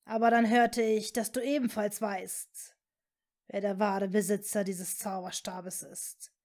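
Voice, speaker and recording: A woman voicing an evil male dark wizard who talks in a cold, mocking, hissing way. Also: mid-range voice, little pitch movement, natural voice. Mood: scornful. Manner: slow, scornful, hissing.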